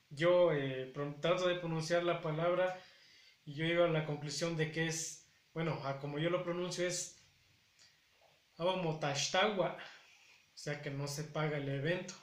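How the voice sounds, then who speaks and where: A Nahuatl teacher from Puebla, Mexico gives a spoken language lesson to camera in an echoey room. He talks slowly in a fairly high, fairly bright voice, patiently repeating words to show how they are pronounced.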